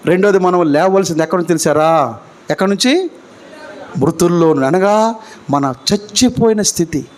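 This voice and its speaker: Preaching live in church at a moderate pace, this man peppers his congregation with rhetorical questions, moving back and forth between booming emphasis and soft, low passages.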